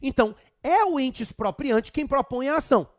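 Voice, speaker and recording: A man's voice: extremely high pitch, animated, moderate pace, no echo, studio quality. A man with a Brazilian accent giving a chatty law exam prep lecture with humorous asides. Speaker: law teacher.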